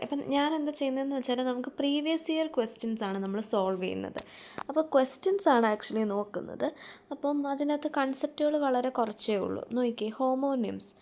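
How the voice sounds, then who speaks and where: A woman's voice: high-pitched, darkish tone. A woman with a Malayali accent teaching an exam-prep lesson, explaining step by step and often checking in with her listeners.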